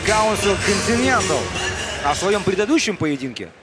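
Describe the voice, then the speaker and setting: Male sports commentator introducing a fighter, high voice, loud music underneath. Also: very animated, normal speed. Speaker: boxing commentator. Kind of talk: pre-fight broadcast commentary.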